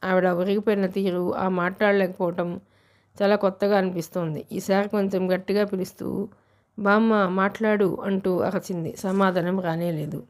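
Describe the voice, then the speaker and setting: A woman's voice: mid-range voice, little pitch movement, normal speed, darkish tone. A woman narrating a novel as an audiobook reader, telling the story steadily.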